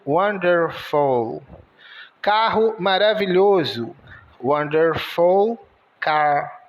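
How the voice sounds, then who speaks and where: A man teaching English in a video lesson, spelling out sounds letter by letter. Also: on the high side.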